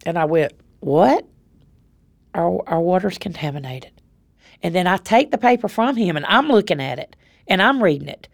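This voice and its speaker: A woman's voice: lowish voice, very animated, fairly quick. A woman with a Southern US accent telling her own story in a plain-spoken, conversational way. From North Carolina. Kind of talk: personal storytelling.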